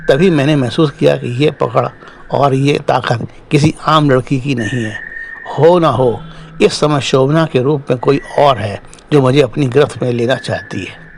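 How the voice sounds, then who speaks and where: A man telling a first-person horror story in steady, dramatic scripted narration, closing as the show's host. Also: medium pitch, unhurried, gravelly, a little hiss or hum.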